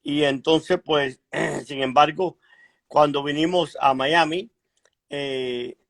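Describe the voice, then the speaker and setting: A middle-aged man from Cuba, a guest author telling his life story in a frank, measured way over a video call, pausing and clearing his throat. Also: a little high, steady tone, a bit bright. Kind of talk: conversational interview storytelling.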